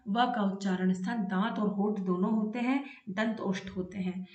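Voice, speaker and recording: A woman teaching a Sanskrit grammar lesson for exam preparation. She patiently asks her own questions and answers them, sounding out syllables slowly. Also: medium pitch, darkish tone, reverberant.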